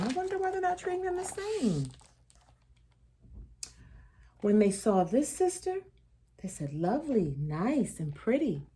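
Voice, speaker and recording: A storyteller reads a children's picture book aloud in a high-sitting, husky voice. She's expressive and deliberate, with emphatic phrasing and soft asides to her listeners.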